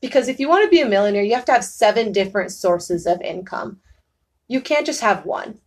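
A woman's voice: medium pitch, lively intonation, a little fast. A young woman chatting as a podcast guest, emphatic and bubbly, laughing often. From New York state. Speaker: guest, actress. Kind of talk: casual podcast chat.

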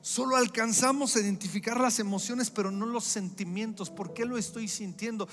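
A middle-aged man preaches a sermon in a church hall with an emphatic, repetitive cadence. His voice is high-pitched and a bit bright at a moderate pace, and the recording has hall echo with faint music.

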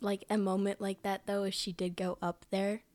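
A woman's voice: mid-range voice, flat delivery, normal speed, darkish tone, dry recording. A young woman co-hosting a casual podcast review, talking animatedly and acting out character lines with laughs. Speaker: podcast co-host.

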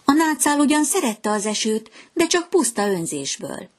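Woman doing a fickle, fussy little swallow in a storybook, breathy and high. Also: very animated. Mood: grumbling. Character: chatty fickle young male swallow.

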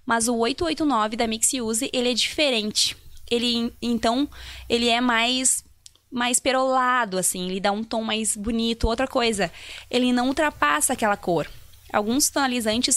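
A woman's voice: a little high, normal speed, a bit bright, no echo. A woman, a salon colorist explaining toner choices to viewers in a live Q&A. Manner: explanatory, tutorial-like, addresses viewers.

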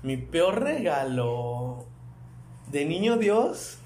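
A man's voice: on the high side, very slow, a little hiss or hum. A man with a Mexican accent chatting casually on a podcast, telling stories with lots of energy and easy swearing. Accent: Mexican Spanish. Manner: animated storyteller, swears casually. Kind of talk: casual chat. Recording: roomy echo.

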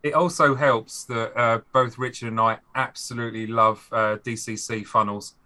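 A man's voice: mid-range voice, fairly even intonation, normal speed, sharp tone, a little hiss or hum. A man, a game designer guest on a podcast, talking animatedly and acting out players' reactions. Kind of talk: podcast conversation.

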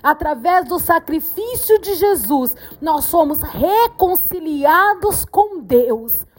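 A woman delivers a devotional podcast message, her voice sitting a little high. She preaches slowly and fervently, repeating her phrases for emphasis. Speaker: podcast host, devotional speaker. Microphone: podcast microphone.

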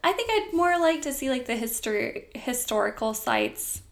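Giggly podcast cohost lady, kinda gravelly, rambles and trails off. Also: high-pitched, big pitch swings, moderate pace. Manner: giggly, self-deprecating, trails off. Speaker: podcast co-host. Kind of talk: casual chat.

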